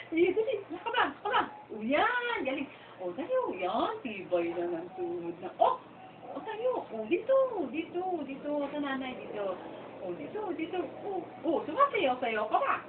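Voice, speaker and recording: A woman talks high and playful to her baby at home, her voice leaping up and down in sing-song baby talk. She coaxes slowly and laughs easily. The old home video is tinny and noisy, and she sounds some way from the camera. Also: huge pitch swings, reverberant, far from the mic. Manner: cooing, coaxing, laughing often. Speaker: mother coaxing her baby to stand.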